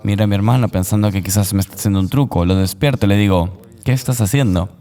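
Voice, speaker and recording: Low mellow-voiced man telling a testimony. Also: fast talker, big-room sound. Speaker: interview guest.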